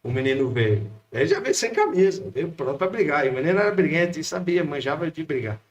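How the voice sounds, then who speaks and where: A man in his fifties, a pastor with a Brazilian Portuguese accent, telling a personal story in a lively, animated way. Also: a little high, fast talker, dull audio. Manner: lively anecdotal storyteller, acts out quotes. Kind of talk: storytelling in casual chat.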